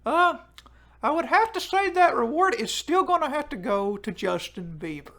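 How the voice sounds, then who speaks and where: A man's voice: extremely high pitch, moderate pace, full character voice. A man voicing a brash, foul-mouthed male wrestling fan who hosts a live stream and reads chat comments aloud. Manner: crude, swears freely, excitable outbursts. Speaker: livestream host reading chat.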